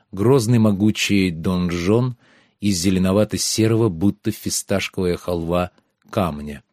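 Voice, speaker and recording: A man narrating a fantasy audiobook in a measured, savoring way, slowing down on descriptive images. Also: lowish voice, a little mellow, dry recording, clean studio sound.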